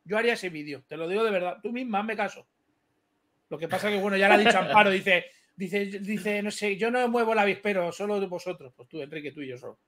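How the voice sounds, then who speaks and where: A man talking in a heated, animated livestream chat. He talks over others and swears freely. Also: high-pitched, brisk. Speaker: livestream guest.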